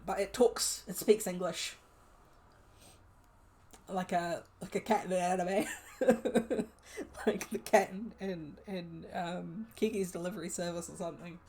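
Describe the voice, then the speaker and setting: Woman, young, slightly low voice, solo tabletop game streamer, reads prompts aloud, rambling, filler-heavy. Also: measured pace, darkish tone, slight background noise.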